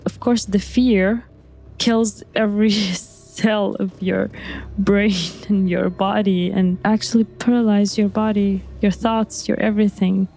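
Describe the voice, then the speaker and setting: A young woman whose first language is Arabic, recounting her own experience in halting speech, repeating words with soft nervous laughs. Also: medium pitch, steady tone, creaky, soft background music. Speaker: interviewee. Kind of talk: recounting personal testimony.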